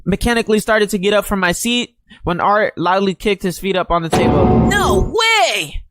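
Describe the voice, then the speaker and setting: A woman's voice: medium pitch, brisk. A woman narrating a visual novel aloud in a subdued way, stumbling over words and dropping casual asides, with music behind her. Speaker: reader of a visual novel playthrough.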